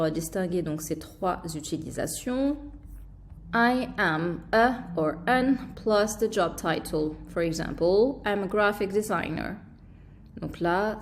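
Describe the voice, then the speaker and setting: Slow, patient teacher woman. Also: fairly low pitch, a little mellow, slight background noise. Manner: patient, explains slowly with fillers and repeated examples. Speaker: English teacher. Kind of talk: online language lesson.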